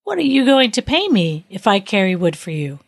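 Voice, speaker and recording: A woman reading the lines of a clever young king in disguise, calm and questioning. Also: medium pitch, brisk, no echo, studio quality.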